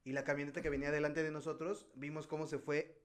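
A man with a Mexican Spanish accent, chatting casually and telling stories with slang and animated asides. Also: on the high side, fast talker. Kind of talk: casual podcast chat.

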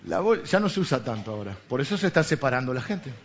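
A man's voice: mid-range voice, very animated, fast talker, a little hiss or hum. A man with a Rioplatense Spanish accent, a pastor giving a sermon in a conversational way, full of rhetorical questions. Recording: dull lo-fi recording.

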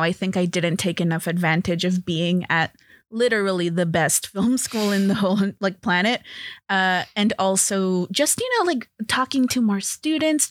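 A comedy TV writer in her thirties from Los Angeles chats casually as an interview guest, laughing a lot and saying "like" constantly. Her voice is medium-pitched, and the studio sound is clean with no echo.

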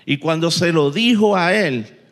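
Animated preacher in an echoing hall. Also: male voice, a little high, measured pace. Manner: animated storytelling with sound effects and quoted voices. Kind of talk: sermon. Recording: long reverb in a large hall.

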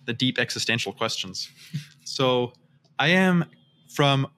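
A man in his thirties is a guest on a casual podcast. He rambles and restarts often, padding his sentences with fillers, at an ordinary middle pitch. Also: animated, slow, fairly bright tone, slight background noise. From Austria, raised in the US. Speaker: guest, startup founder.

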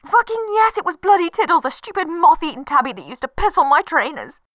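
A woman's voice: a little high, moderate pace, bright, forceful tone, dry recording, studio quality. An actress playing a desperate mother who swears as she begs for help on a phone line. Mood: exasperated. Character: frantic swearing mother on hold.

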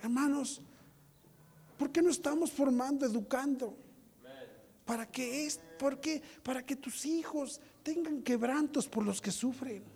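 A male pastor preaching a sermon, moving from soft storytelling to loud exhortation. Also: very high voice, a little slow, slightly rough, in a large hall.

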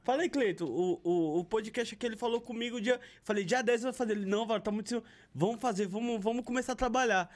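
High-voiced man hosting a podcast. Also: fast. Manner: chatty, reads sponsor plug. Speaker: podcast host. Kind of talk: casual chat and sponsor read.

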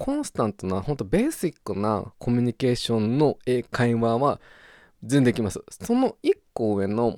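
A man's voice: on the low side, dry recording, studio quality. A young man from Japan hosting a podcast, chatting casually and playfully with silly sound words. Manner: playful, animated, with goofy sound words and wordplay. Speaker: podcast host. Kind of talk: casual solo podcast talk.

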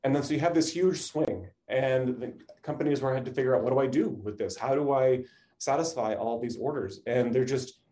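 A man with a mellow, relaxed tone and an average pitch. He explains as an expert interview guest, conversationally and informally, checking in with the listener as he goes. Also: a little fast. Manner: informal explaining, often checks with "you know" and "right". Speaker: academic supply chain expert, interview guest.

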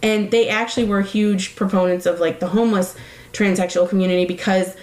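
A woman's voice: mid-range voice, steady tone, fairly quick, darkish tone, roomy sound, rough recording. A woman talking casually, rambling with many fillers and correcting herself as she goes. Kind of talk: casual chat.

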